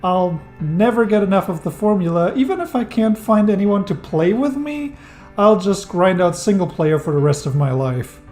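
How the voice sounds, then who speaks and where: Soft music plays behind this scripted game retrospective, voiced by a man of thirty whose first language isn't English. His high, darkish voice moves at normal speed with lively intonation. As a game reviewer, he narrates with wry enthusiasm and deadpan humor.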